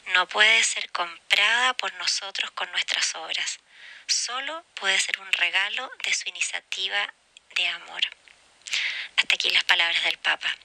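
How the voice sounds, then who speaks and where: Bright-voiced woman giving a soft spiritual reflection. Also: mid-range voice, unhurried, vocal fry, dry recording, rough recording.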